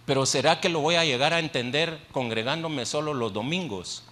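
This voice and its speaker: In a church, a male pastor preaches a sermon into a handheld microphone, his voice on the high side and sharp at a moderate pace. He talks conversationally, asking the congregation questions and repeating phrases for emphasis.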